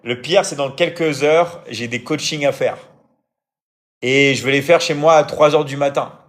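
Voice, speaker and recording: This live-stream host and coach has a fairly high pitch and a moderate pace. Responding to comments in a relaxed stream, he hesitates, restarts, and leans on fillers while regularly checking in with viewers.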